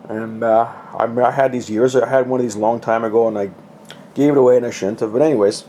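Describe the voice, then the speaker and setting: A middle-aged hobbyist presenter gives a casual, rambling, folksy show-and-tell of his gadgets, poking fun at himself as he goes. His voice is mid-range with a darkish tone, and there's slight background noise.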